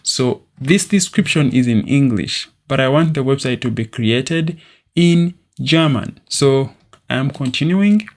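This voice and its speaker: A young tutorial host with a mid-range voice goes through software steps a little slowly, recording his screen from a desk in a small room. His explanations are steady, broken by the odd filler.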